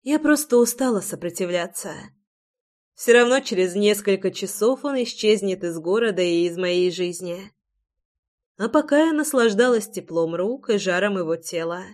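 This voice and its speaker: A woman's voice: medium pitch, animated, moderate pace, darkish tone. A woman reading a first-person romance audiobook in an intimate, reflective way. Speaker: audiobook narrator.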